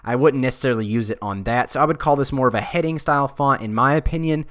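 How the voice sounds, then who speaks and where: Smooth-voiced young man, casual. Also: mid-range voice, fast, no room sound, studio quality. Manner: relaxed, thinking aloud with frequent uhs. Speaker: design video creator. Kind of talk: casual screen-recorded tutorial talk.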